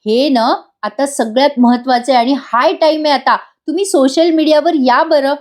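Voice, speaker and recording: A woman's voice: high voice, steady tone, moderate pace, pitched above the performer's own voice, lightly acted. A woman voicing a cheerful, affectionate young daughter-in-law who coaxes and teases.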